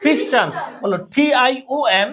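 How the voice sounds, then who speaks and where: A woman's voice: on the high side, animated, normal speed, heavy background noise. A woman teaching pronunciation in class, drilling her students with repeated questions and call-and-response. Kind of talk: classroom lesson.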